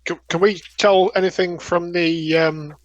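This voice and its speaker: A man's voice: sits high, fairly even intonation, unhurried, no room sound, highs cut off. A man playing in a tabletop game, checking rules and adding up his rolls aloud. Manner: works through rules and dice sums aloud. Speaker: player. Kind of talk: casual tabletop play.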